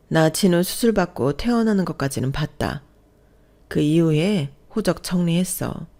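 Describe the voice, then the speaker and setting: A woman's voice: low-pitched, a little mellow. Woman reading blunt older mother-in-law, firm, plain-spoken, radio story.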